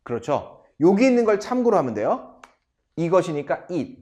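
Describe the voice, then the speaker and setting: Male teacher, slightly high voice, very animated intonation, unhurried delivery. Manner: drills sentences slowly, addresses viewers directly. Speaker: English teacher. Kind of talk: English grammar lesson.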